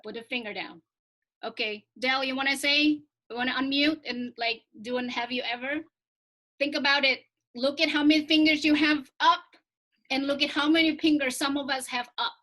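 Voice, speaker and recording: A woman's voice: high voice, steady tone, moderate pace, pushed and bright. A woman hosting a group discussion over a video call, upbeat and prompting others to join in. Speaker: forum host.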